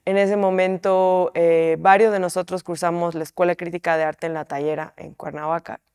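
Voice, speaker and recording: A woman's voice: lowish voice, little pitch movement, moderate pace, darkish tone, clear, resonant tone, dry recording, studio quality. A woman, an artist, explaining a piece in an interview in a reflective way, often tagging her sentences with questioning asides. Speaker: artist in a collective.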